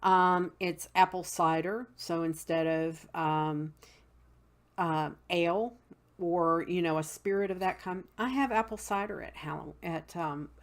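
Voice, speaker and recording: Slow Southern woman with many ums. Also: fairly low pitch, fairly even intonation. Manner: unhurried, many ums, spells words out. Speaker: host. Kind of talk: casual teaching talk.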